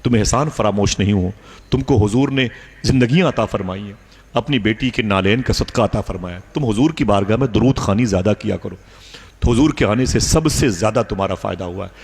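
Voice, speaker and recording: Male preacher, storytelling sermon. Low voice, emotive and dramatic delivery. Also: brisk, darkish tone, husky.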